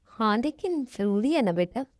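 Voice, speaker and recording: A kindly middle-aged aunt who coaxes gently, as a woman dubs her. Her voice is mellow and fairly high. The recording is close and dry. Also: big pitch swings, normal speed, dry recording. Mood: gentle. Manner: gentle and coaxing. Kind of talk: fan Hindi dub of a love story.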